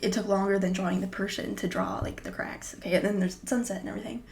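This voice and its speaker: A woman's voice: mid-range voice, fairly even intonation, fast, darkish tone. Casual woman half-whispering over her art. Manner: chatty, often drops to a breathy half-whisper. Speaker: artist vlogger. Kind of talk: casual vlog commentary.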